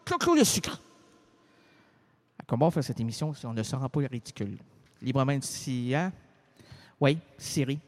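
A man's voice: medium pitch, animated, moderate pace, long pauses, voice pushed down, natural voice. A man with a Quebec French accent voicing a bumbling, rambling small-town police officer in a comedic radio sketch, stumbling over words and mangling names. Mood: goofy.

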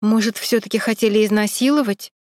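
A woman's voice: mid-range voice, steady tone, brisk, darkish tone, dry recording, clean studio sound, lightly acted. A woman voicing a nosy, exclaiming female makeup artist.

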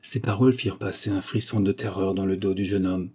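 Low, husky male narrator. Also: steady tone, warm tone. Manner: measured, dramatic reading. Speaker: audiobook narrator. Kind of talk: scripted narration of a detective novel.

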